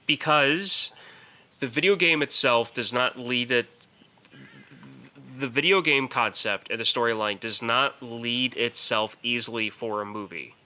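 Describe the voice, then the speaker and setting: This podcast co-host talks films in a casual, emphatic, opinionated way, frequently repeating words while building to his point. He has a bright, forceful, mid-range voice and keeps a measured pace.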